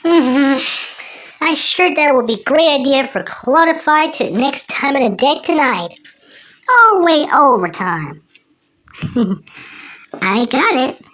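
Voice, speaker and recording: A high-pitched cartoon woodpecker, put on by an amateur impressionist, cocky and excitable. The delivery is slow and drawn out, with big swoops in pitch as he rambles, boasts and exclaims to himself. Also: full character voice. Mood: scheming, upbeat.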